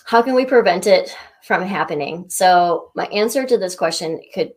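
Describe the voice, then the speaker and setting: A woman guest coach answering interview questions thoughtfully, pausing with frequent ums. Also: fairly low pitch, expressive, darkish tone. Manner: thoughtful, searching for words, with many ums.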